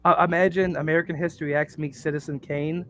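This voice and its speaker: A man's voice: on the high side, level tone, fast talker, a little hiss or hum. Rambling man on a casual podcast. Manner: rambling, fills with "uh" and "like". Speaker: podcast cast member. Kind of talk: casual chat.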